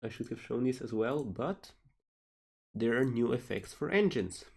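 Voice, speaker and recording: A man's voice: medium pitch, animated, a little slow, creaky, husky. Man answering questions on stream. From Slovenia. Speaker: game developer hosting a livestream Q&A. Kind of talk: casual livestream Q&A, reading out questions and answering.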